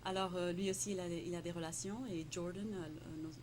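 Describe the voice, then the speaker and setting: Speaking fast in a lowish, steady voice, a Moroccan-raised entrepreneur whose native tongue is Tamil responds in French during a relaxed interview. She hesitates often, restarting and repeating words, leaning on fillers and laughing a lot, with noise behind her.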